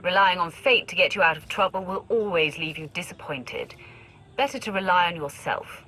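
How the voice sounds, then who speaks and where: A woman playing a cold, ruthless dark warrior in a video game, speaking in a curt, commanding manner. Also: lowish voice, moderate pace, soft background music, rough recording. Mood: cool, dry. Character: ruthless, cold Sith warrior, self-reliant. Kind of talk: dramatic video game acting.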